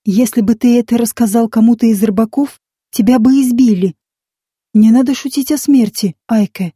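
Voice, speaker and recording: Woman doing a young aunt, teasing then scolding, mellow husky voice, storybook. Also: on the high side, normal speed, dry recording, clean studio sound. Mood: serious. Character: young carefree aunt, turning stern.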